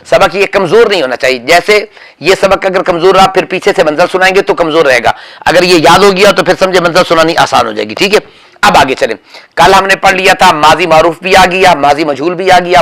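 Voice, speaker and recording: A man's voice: on the high side, a bit bright. A man teaching a grammar class, quizzing students and correcting them firmly and repeatedly. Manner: firm, repetitive corrections, calls on students by name. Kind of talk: drilling students in a grammar lesson.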